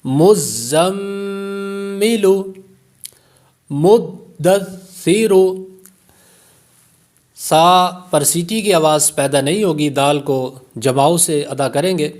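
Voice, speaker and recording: A man with a Pakistani Urdu accent, his voice sitting a little high for a man, teaches Quran recitation for beginners. He rattles through rules for each letter, then stretches every word out in careful, slow recitation. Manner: slow drawn-out recitation of single words between quick explanations. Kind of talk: tajweed lesson, explaining then reciting words slowly.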